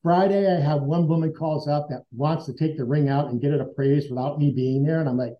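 Fairly high-pitched and steady, talking a little fast, the interviewee shares a personal story in an earnest, conversational manner. He acts out remembered dialogue, heard through dull lo-fi sound.

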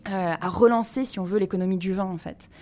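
A woman's voice: mid-range voice, quick pace, warm tone, a little hiss or hum. A woman presenting a wine segment on a radio show, hesitant with many fillers and self-deprecating. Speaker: wine columnist. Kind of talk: radio chronicle chat.

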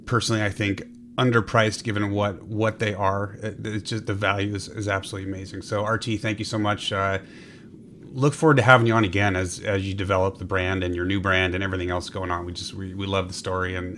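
A man hosting a podcast in casual chat, halting and repeating words as he goes. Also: low voice, little pitch movement, fairly bright tone, a little hiss or hum. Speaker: podcast host.

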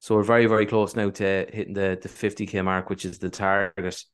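Low-pitched Irish man, rambling casually. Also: level tone, a little fast, smooth. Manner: rambling, self-deprecating. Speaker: podcast co-host. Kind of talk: casual chat.

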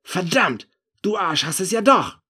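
A man voicing his own drunk, furious younger self, slurring and shouting. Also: mid-range voice, expressive, unhurried, slightly rough.

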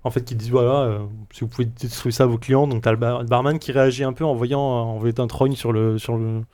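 A man's voice: mid-range voice, level tone, quick pace, warm tone. A man running a tabletop role-playing game as game master, narrating in an explanatory, filler-heavy way.

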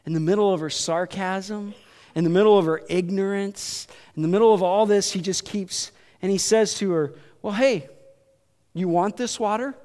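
A man's voice: high-pitched, fairly even intonation, moderate pace, warm tone, clean tone. A male preacher giving a sermon in a casual, conversational storytelling way, often checking in with "like" and "right?". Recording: echoey hall with long reverb.

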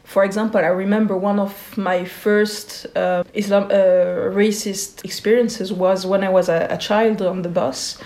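A woman in her forties from Switzerland, a guest in an interview, speaking thoughtfully with many pauses and fillers. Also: mid-range voice, level tone, a little mellow, roomy sound.

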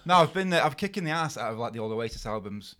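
Brit lad, sweary and loose, voice jumps around a lot. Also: male voice, medium pitch, expressive, fast, heavy background noise. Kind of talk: casual banter. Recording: loud crowd behind.

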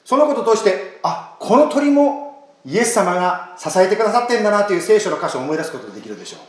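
A man, a pastor, giving an emphatic, animated sermon and leading a prayer. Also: high-pitched, quick pace. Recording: echoey room.

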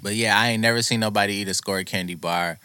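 A man's voice: lowish voice, steady tone, fast talker, bright, forceful tone, clear, resonant tone, no echo. An American man co-hosting a casual podcast, blunt, slangy and profane in his banter. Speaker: podcast co-host.

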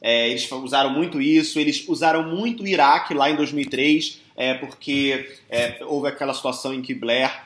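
A man giving conversational analysis as a commentator, talking hesitantly with many filler pauses. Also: mid-range voice, fairly bright tone, echoey room.

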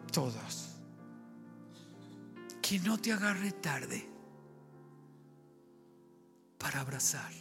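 A man who is a pastor, preaching a sermon at a family conference, moving from lively, loud storytelling to a hushed, slow prayer. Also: on the high side, vocal fry.

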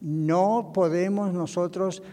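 A man with a Latin American Spanish accent preaches a sermon on marriage, his voice pitched fairly high. He talks to the congregation in a loose, conversational way and checks in with them often. His voice rings with the long reverb of a church hall. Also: fairly even intonation, slow, dark tone. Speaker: pastor.

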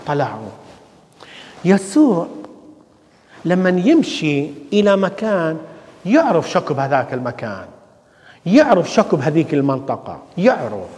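A man's voice: a little high, a little mellow. A man with an Iraqi Arabic accent preaching a sermon as a priest, building his points with rhetorical questions and repeated phrases. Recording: long church reverb.

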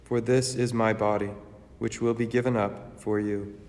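A man's voice: on the low side, level tone, normal speed, darkish tone. A man acting as priest, solemnly intoning liturgical prayers in a large church with long cathedral-like reverb. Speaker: priest celebrating Mass. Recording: roomy church hall echo, faint noise.

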